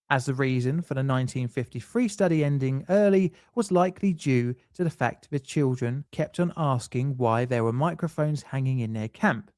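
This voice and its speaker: A man reading a scripted documentary narration in a measured, lightly dry explanatory way. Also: mid-range voice, a little mellow, no echo.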